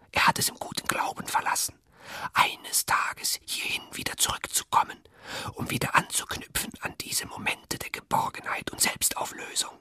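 A narrator speaking in a slow, hushed, reflective whisper, in whispered narration. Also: dry recording, clean studio sound.

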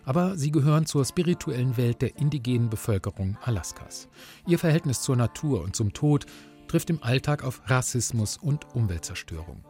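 A man of middling pitch reads a scripted review for radio in standard German. He sounds like a culture reporter, with faint music underneath. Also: sing-song, normal speed, a little mellow.

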